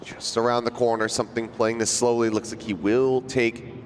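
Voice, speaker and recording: A man working as an esports caster, giving dramatic, flowing, excited play-by-play commentary on a live match. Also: mid-range voice, normal speed, a little hiss or hum.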